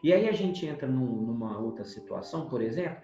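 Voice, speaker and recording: A man's voice: mid-range voice, animated, a little fast. A man co-hosting a spiritist book study, talking in a conversational way and often turning to his co-host. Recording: roomy sound, dull lo-fi, soft music.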